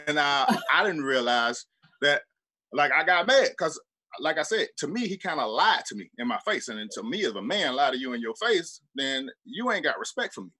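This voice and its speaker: With a high-leaning voice carrying a breathy edge, a former football player from Birmingham, Alabama chats as a sports talk show guest at a moderate pace. He has a Southern accent and tells animated, profane, freewheeling stories laced with "like."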